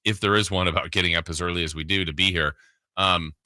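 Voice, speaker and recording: Right on a close studio broadcast mic, this sports radio host talks fast in a deep, steady voice that comes across pushed and bright. He chats casually and rambles conversationally, and the sound has no echo.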